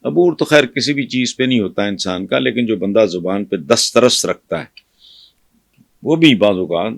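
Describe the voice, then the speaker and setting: An older man from Pakistan giving fiery political commentary, scornful and scolding, with loud bursts of mockery. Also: lowish voice, lively intonation, vocal fry, dry recording.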